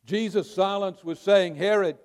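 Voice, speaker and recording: High-voiced preacher in an echoing hall. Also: male voice, a little mellow. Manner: emphatic preaching with dramatic pauses. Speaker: pastor. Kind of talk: sermon. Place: church sanctuary. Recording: long reverb of a large hall.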